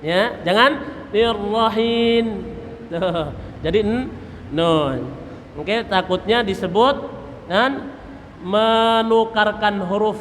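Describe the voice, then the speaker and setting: Slow-drilling man teaching recitation, echoey hall. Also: high voice, fairly bright tone. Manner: slow, patient drilling of letter sounds, chanting verses. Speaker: ustadz teaching Quran recitation. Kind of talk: tajwid lesson with chanted examples. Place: mosque hall. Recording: reverberant mosque hall, faint noise.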